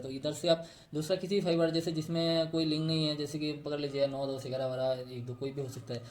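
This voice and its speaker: A man's voice: on the high side, darkish tone. A man explaining step by step how fiber optic cables are tapped and connected, pointing to a diagram he drew. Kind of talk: technical tutorial.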